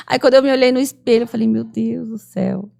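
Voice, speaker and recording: Brazilian woman guest in her 30s, heavy gravelly fry, earnest testimony voice. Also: fairly high pitch, fast, warm tone. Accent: Brazilian Portuguese. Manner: earnest storytelling, acts out remembered dialogue. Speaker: podcast guest. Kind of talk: emotional testimony in casual chat.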